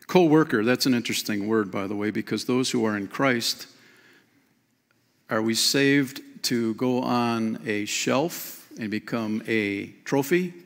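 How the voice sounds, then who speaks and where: Emphatic pastor in an echoing hall. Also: male voice, mid-range voice, measured pace. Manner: lively, emphatic, calls listeners "man" and "friend". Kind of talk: sermon. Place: church stage behind a clear lectern. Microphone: lectern mic. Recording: long church hall reverb.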